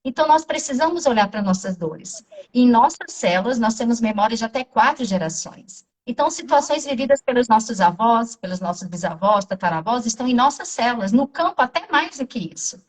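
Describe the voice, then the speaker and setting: A woman with a Brazilian accent, speaking as a therapist in an interview and telling stories from her practice. Her voice sits a little high, and she is animated, acting out the voices in the dialogue as she tells it. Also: brisk, recorded from a distance, poor audio. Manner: animated, acts out quoted dialogue. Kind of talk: interview storytelling.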